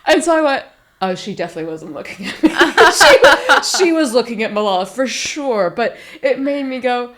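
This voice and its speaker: A woman's voice: on the high side, moderate pace. An American woman in her thirties from Silicon Valley, a startup founder chatting as a guest, telling stories animatedly and acting out her own reactions. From Silicon Valley, California, USA. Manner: animated storyteller, acts out her own reactions, many fillers. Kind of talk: casual interview chat.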